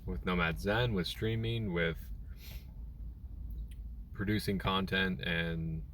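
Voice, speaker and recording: A man's voice: sits low, fairly even intonation, slow pace, a bit bright, distant mic, a little hiss or hum. A young man chatting casually on a live stream from a parked car, rambling with many fillers and restarts. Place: in a parked car in a store parking lot. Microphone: phone.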